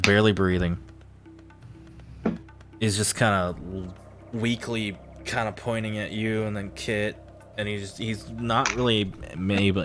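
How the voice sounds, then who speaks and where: A man running a tabletop game as game master, narrating the action and getting excited at big rolls. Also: fairly low pitch. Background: background music.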